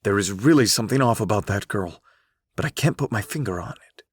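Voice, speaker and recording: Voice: sits low, lively intonation, brisk, breathy edge, dry recording. An actor playing a guarded, wary male hunter in an audiobook, with clipped, brooding delivery. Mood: puzzled. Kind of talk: audiobook character reading. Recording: dry.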